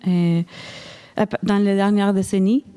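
A warm, clear, resonant medium-pitched voice belongs to an Argentine woman delivering a conference talk as a researcher. Her intonation is fairly even and her pace a little slow, and she speaks French as a second language with an Argentine Spanish accent, full of hesitant restarts and fillers.

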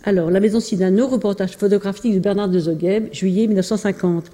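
A woman gives an informal illustrated talk presenting family archives, speaking hesitantly with lots of fillers and restarts. Her voice is medium-pitched, steady and warm, moving at a quick pace, with long hall reverb in the recording.

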